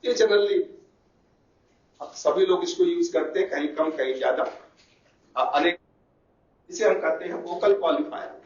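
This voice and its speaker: High-voiced man lecturing in an echoey room. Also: a little mellow. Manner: explains terms slowly, repeating Hindi equivalents. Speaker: teacher. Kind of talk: classroom lecture. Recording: echoey, distant, muffled room recording.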